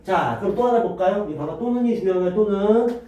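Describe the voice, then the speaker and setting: A man teaching math to students, lively and constantly quizzing them with questions. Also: high-pitched, fast, lo-fi sound, slight background noise. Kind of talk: classroom lecture. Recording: echoey room, voice from a distance.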